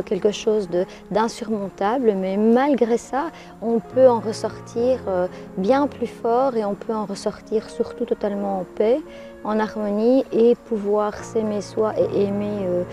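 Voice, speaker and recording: A woman, a life coach and author, giving thoughtful interview answers, hesitating often with pauses and fillers. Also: mid-range voice, mellow.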